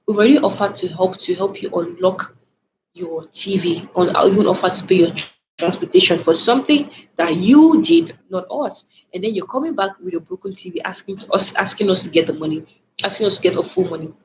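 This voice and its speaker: A woman's voice: mid-range voice, fairly quick. A young woman talks to her livestream viewers, telling a story animatedly and often restarting her sentences. Her voice comes through slightly dull lo-fi audio with faint background hiss. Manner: animated retelling with many restarts and filler words. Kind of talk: casual late-night livestream storytime, reading chat.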